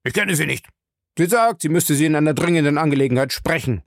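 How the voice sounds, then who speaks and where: A man playing a young night-duty police officer in an audiobook, quick and dutiful, pitched higher than the narrator. The voice is gravelly and sits dry and close to the mic. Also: expressive, no echo. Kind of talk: audiobook character voice.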